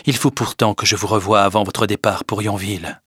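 A man doing an impassioned young lover in an audiobook, pleading and pressing, a bit louder and higher than the low narration. The sound is dry and close. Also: fairly even intonation, a little fast, breathy edge, no echo. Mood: urgent. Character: ardent, insistent young man in love. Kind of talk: audiobook reading.

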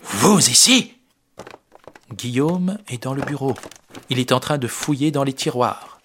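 A man with a mid-range voice reads an audiobook story. He speaks clearly and at a measured pace, in a steady narrating tone. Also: medium pitch, slight background noise.

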